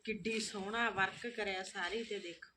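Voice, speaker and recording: A woman's voice: mid-range voice, moderate pace. A woman with a Malwai Punjabi accent chatting casually and expressively to camera and family as she shows things off. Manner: expressive, exclaiming. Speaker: family vlogger showing shopping. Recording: clearly noisy home vlog recording.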